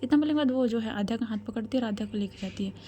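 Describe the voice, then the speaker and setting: A woman's voice: on the high side, racing, mellow. A woman storyteller retelling a love story in a chatty, casual way, full of fillers.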